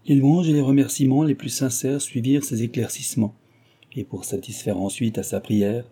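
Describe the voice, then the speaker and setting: A man reading a classic novel aloud as an audiobook narrator, in a measured way, lifting his voice for the characters' speech. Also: mid-range voice, fairly even intonation, warm tone, breathy edge. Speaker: audiobook reader.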